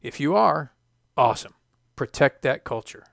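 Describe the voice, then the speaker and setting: A middle-aged man, a former test pilot, hosting a scripted podcast monologue in a measured, emphatic way with dry asides. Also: fairly high pitch, lively intonation, vocal fry, fairly bright tone, no echo.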